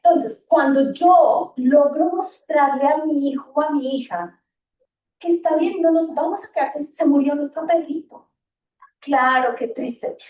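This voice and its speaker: A woman gives a parenting talk to a roomful of parents. Her voice sits high and mellow. She picks up every few lines to act out what parents and children say. She is heard from a distance in an echoey hall. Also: measured pace. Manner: lively, animated, acts out children's and parents' lines. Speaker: school talk speaker for parents. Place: hall or gym. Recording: echoey room, voice from far off.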